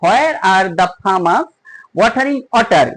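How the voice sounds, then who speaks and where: A teacher giving a spoken grammar lesson. The teacher explains step by step, asks the listener questions, and slows down on the example sentences. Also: medium pitch, expressive, a bit bright, poor audio. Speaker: English teacher.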